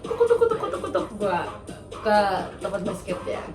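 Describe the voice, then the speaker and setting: A woman, casually telling a story on a podcast, animated and acting out the quotes. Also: medium pitch, a little slow, distant mic. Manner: animated, acts out quotes, laughs often. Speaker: podcast host. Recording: roomy, off-mic, music behind.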